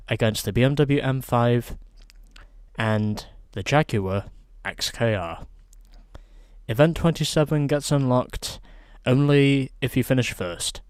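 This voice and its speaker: A man in a casual let's play, commenting on a racing game at an unhurried pace. His voice sits in a plain middle register, relaxed and chatty, and he reads out event descriptions as he goes. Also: mid-range voice, no room sound, studio quality.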